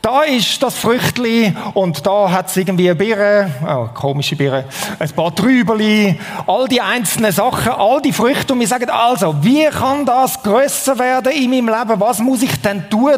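A man's voice: sits high, expressive, moderate pace, long reverb tail. A man with a Swiss German accent preaching a sermon in a conversational way, often asking the audience questions.

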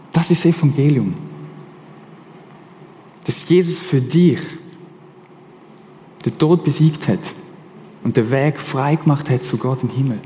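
A man with a Swiss German accent preaching a casual, animated sermon as pastor. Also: fairly high pitch, a little hiss or hum. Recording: long hall reverb.

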